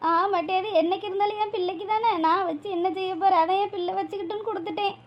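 A woman's voice: extremely high pitch, steady tone, very fast, dull audio. A woman voicing a grieving old village mother, weepy and pleading. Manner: weepy, pleading, calls listener "makkale".

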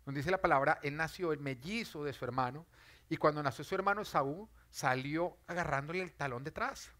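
Male pastor, slightly high voice, earnest sermon storytelling that builds to loud peaks. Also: fairly quick. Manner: earnest storytelling, swells loud on key lines.

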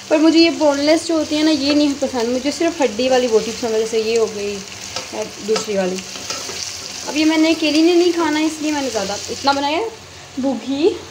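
Lady, high voice, chatty kitchen vlog, pan sizzling loud in the background. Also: background noise. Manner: chatty, talks straight to viewers. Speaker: home cooking vlogger. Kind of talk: casual cooking instructions. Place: home kitchen, indoors. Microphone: phone held in hand. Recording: loud frying sizzle behind. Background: frying and stirring sounds.

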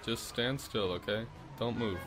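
A man's voice: fairly low pitch, unhurried, music in the background. A young man in casual game voice chat, talking in an accusatory, needling, profane way. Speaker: online game player.

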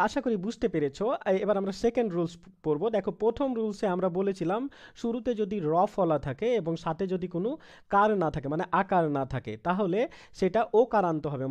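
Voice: mid-range voice, darkish tone. Bangladeshi teacher, online grammar lesson, patient, repeats every example. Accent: Bangladeshi Bengali. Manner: patient, repeats examples, mixes in English words.

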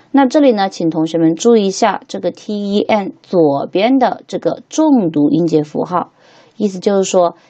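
Slow, patient woman teaching a lesson. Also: mid-range voice, mellow. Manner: patient, repeats each English word slowly three times. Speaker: English teacher. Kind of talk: textbook lesson for beginners.

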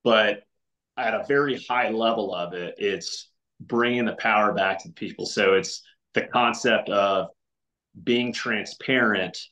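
This middle-aged man, a podcast guest, chats casually over video from a home room with windows, and the sound echoes roomily. His voice is fairly low, a little slow, bright and forceful. He's earnest, but he restarts his sentences often and uses plenty of fillers.

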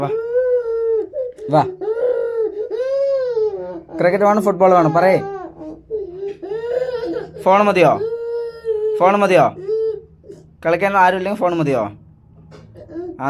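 A man in a casual family vlog at home, gently coaxing and soothing a crying child. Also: sits high. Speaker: family vlogger.

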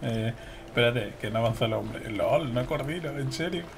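A man's voice: medium pitch, lively intonation, moderate pace, creaky, noisy background. A young man with a Spain Spanish accent commenting casually on his gameplay, swearing, laughing and talking to his viewers. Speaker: gameplay streamer.

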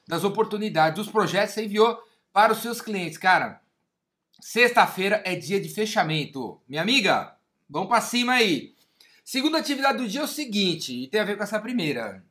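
A man in his forties, a sales coach giving an emphatic, slangy motivational talk straight to camera from a home office. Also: sits high. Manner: emphatic, punchy, repetitive, slangy and animated. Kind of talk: energetic motivational monologue to camera. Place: home office with bookshelves, indoors.

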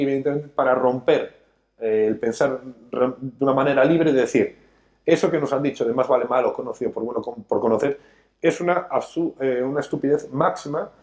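In a studio talk show discussion, this financial educator and show host lectures emphatically from a sofa, gesturing a great deal. His voice sits in the mid range with a darkish tone.

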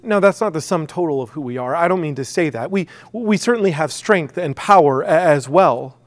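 High-voiced Midwestern pastor preaching. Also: male voice, expressive, fairly quick. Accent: American Midwest. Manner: conversational with frequent fillers and restarts. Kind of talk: sermon.

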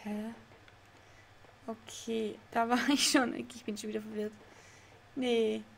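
A woman's voice: on the high side, level tone, slow pace, gravelly, slight background noise. Chatty young woman streaming a game. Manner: chatty, laughs often, easily confused. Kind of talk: live let's play with chat reading. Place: home room.

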